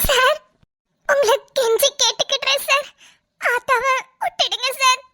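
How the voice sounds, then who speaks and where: A woman voicing a very high tearful pleading girl. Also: steady tone, normal speed, sharp tone. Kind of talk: cartoon voice acting.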